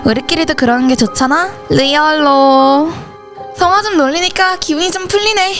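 A woman's voice: high voice, normal speed, fairly bright tone, faint music behind. A woman voicing every teenage schoolgirl character in a school horror story, switching between them in dialogue. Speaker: channel host and voice actor.

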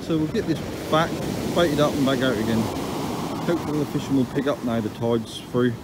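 A down-to-earth man talks his way through a day's beach fishing in a plain, middling voice, chatty and matter-of-fact. It is recorded outdoors on a handheld phone, with steady surf and wind rolling in behind him. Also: mid-range voice, a little fast. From England. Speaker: angler filming his own fishing trip. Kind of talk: casual running commentary to camera. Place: open beach by the sea, outdoors. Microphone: phone camera held by the speaker.

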